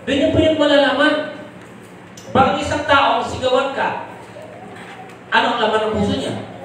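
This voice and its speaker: A male pastor preaches a live sermon, his voice pitched notably high for a man. He keeps asking the congregation rhetorical questions and slips into English for key points. The sound rings around a very reverberant church hall, picked up from a mic well away from him. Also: moderate pace, fairly bright tone, slight background noise. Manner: switches into English for summary points. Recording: very echoey live church recording from a distant mic.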